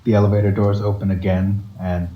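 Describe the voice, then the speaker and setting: A man's voice: on the low side, little pitch movement, fairly quick. A man narrating as game master of a tabletop game, hesitant and full of fillers, in a dull, echoey recording with background noise.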